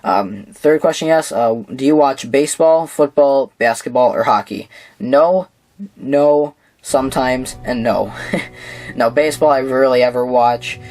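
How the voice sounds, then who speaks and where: A man's voice: mid-range voice, a little slow, darkish tone, faint music behind. A young man from Minnesota answering viewer questions in a casual, rambling vlog, with lots of fillers and restarts. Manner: rambling, many fillers and restarts, chuckles at himself. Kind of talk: casual Q&A monologue.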